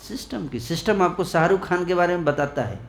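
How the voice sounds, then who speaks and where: A man preaching at a festival, his voice sitting a little high as it carries through a reverberant hall. He tells the story animatedly, acting out the quoted lines, and keeps firing short questions back at the crowd. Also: animated, brisk, gravelly. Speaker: ISKCON preacher. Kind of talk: festival sermon to a live audience.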